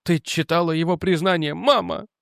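A man's voice: fairly high pitch, normal speed, vocal fry, a bit bright, no room sound, voice pushed up. Man voicing hot-headed young man, raised voice, confrontational, audiobook, dry close recording. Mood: stunned.

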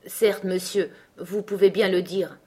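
A woman's voice: medium pitch, fairly even intonation, a little slow, mellow, husky. A woman reading a frightened, devoted older male butler in an audiobook, urgent and pleading. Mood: anxious.

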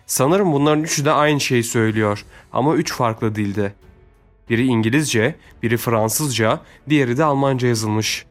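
A man voicing a rich, kind and decisive young lord who gives orders in a calm, commanding way, in a Turkish storybook reading. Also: medium pitch, moderate pace, soft background music, natural voice.

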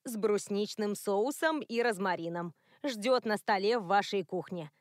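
Женщина читает за ворчливую пожилую секретаршу, властная, заботливая, насмешливая, сухая запись. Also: female voice, mid-range voice, unhurried, no echo, clean studio sound, close to an everyday voice. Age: older. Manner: scolding, teasing. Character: older female secretary, grumbling, bossy and caring.

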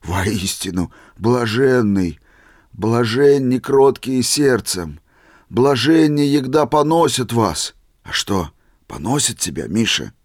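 A man's voice: medium pitch, wildly swooping pitch, a little slow, husky, no room sound, studio quality, full character voice. A man voicing an ecstatic old man who cries out in rapture over a holy fool. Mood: eager. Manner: exclaiming, shouting in rapture.

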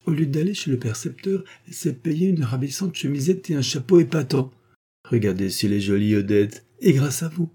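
A tearful, coaxing young woman pleads in a storybook reading, as a man reads her part. The pitch sits well above his own voice and keeps a husky edge. Her whine is soft and wheedling. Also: animated, moderate pace. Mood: coquettish.

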